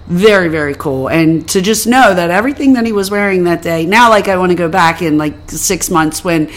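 A woman's voice: on the low side, fairly quick. A woman co-hosting a podcast in casual chat, chatty and self-mocking. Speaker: podcast co-host.

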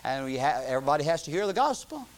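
A man delivering a sermon in a high, reedy voice that climbs to loud emphatic peaks, then drops to quiet, chatty asides for his congregation. He teases his listeners with a joke now and then. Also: sing-song, quick pace. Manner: swings from loud preaching peaks to low conversational asides; chuckles and jokes with the congregation. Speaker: pastor.

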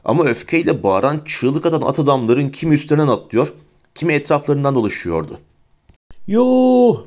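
A man narrating a fantasy story as an audiobook reader, steady and vivid. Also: medium pitch, quick pace. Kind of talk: storybook reading.

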